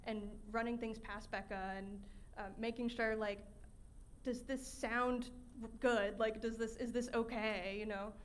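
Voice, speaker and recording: A woman's voice: a little high, steady tone, a little slow, a little hiss or hum. A woman who co-hosts a podcast and does its sound design, talking in a chatty way and laughing often at a live event. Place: live audience event indoors.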